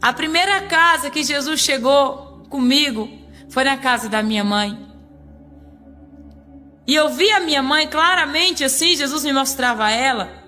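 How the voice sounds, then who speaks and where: High, bright woman giving emotional testimony. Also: a little slow, soft background music. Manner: emotional, pleading storytelling. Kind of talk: tearful testimony sermon.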